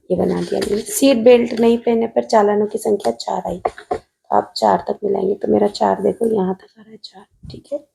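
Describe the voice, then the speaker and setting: A woman's voice: mid-range voice, gravelly, warm tone, slight background noise. A woman math teacher with a Rajasthani Hindi accent, patiently solving an exam paper on video while writing at a desk and calling her students "beta".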